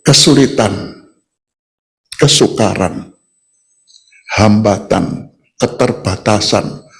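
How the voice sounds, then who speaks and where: A retired pastor, giving a folksy sermon with self-deprecating humor. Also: male voice, fairly low pitch, takes it slowly, gravelly. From Indonesia. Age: 70s.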